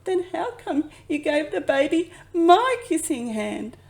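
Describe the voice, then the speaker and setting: A woman acts out a little boy raccoon from a storybook, pitched well up and swooping with feeling. He sounds worried and jealous, pleading plaintively like a small hurt child. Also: very animated, slow, gravelly, heavily acted.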